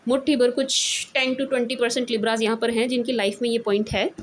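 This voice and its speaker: A woman's voice: on the high side, little pitch movement, a little fast, slight background noise. Chatty Indian woman reading tarot. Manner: chatty, mixes English into Hindi, repeats "theek hai ji". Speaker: tarot reader. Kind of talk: casual tarot reading monologue.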